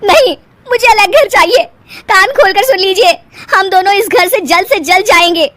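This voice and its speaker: A woman's voice: sits high, very animated, moderate pace, a bit bright, pitched above the performer's own voice. A woman voicing a spoiled, bossy young wife in a cartoon, whining and haughty. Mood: whiny. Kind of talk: cartoon voice acting.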